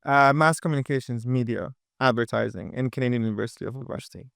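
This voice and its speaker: In this studio-quality clip with no echo, a young man from Dubai, an entrepreneur guesting on a podcast, speaks in a crisp, medium-pitched voice. The casual interview chat is quick and energetic, full of fillers and restarts.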